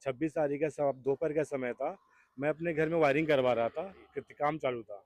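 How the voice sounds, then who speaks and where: A man's voice: a little high, steady tone, moderate pace, a little mellow, no echo. A man recounting an incident to a reporter in a casual, rambling, repetitive way. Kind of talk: casual spoken account. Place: outdoors on a street.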